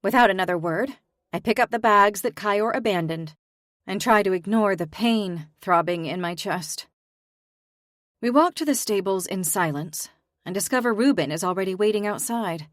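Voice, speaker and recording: A woman's voice: medium pitch, moderate pace, no echo, studio quality. A young woman giving emotional, weary first-person audiobook narration. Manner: emotional, weary, introspective delivery.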